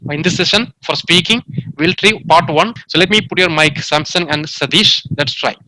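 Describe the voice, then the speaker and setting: A man's slightly high, bright and forceful voice teaches an online exam class. He explains through worked examples, stumbling and restarting often with many fillers. The sound comes over a video-call mic. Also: moderate pace, no room sound, low-quality recording. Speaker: English tutor. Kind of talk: online demo class lesson.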